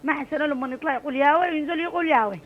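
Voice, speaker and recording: Over a narrow, tinny line with a faint hiss or hum, a middle-aged caller from Aden, Yemen, pours out her views in Adeni Arabic. Her high voice moves very quickly, full of passion and emphasis.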